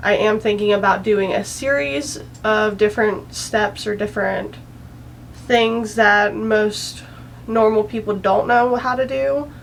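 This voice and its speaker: A woman's voice: mid-range voice, fairly even intonation, unhurried, creaky, a little hiss or hum, rough recording. A young woman chatting casually through a makeup tutorial, rambling and self-deprecating, a bit anxious and out of breath. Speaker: beauty vlogger.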